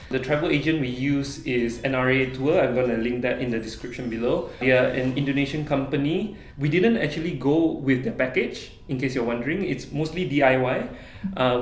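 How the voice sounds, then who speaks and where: A man's voice: medium pitch, roomy sound. A young man from Malaysia answering viewer questions in a casual, friendly vlog. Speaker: travel vlogger. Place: small office room.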